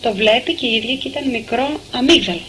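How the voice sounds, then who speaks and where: A young woman recounts her own experience at a steady, measured pace. Her voice is somewhat high, with faint background hiss. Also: rough recording. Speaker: testimony giver. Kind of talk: personal testimony storytelling.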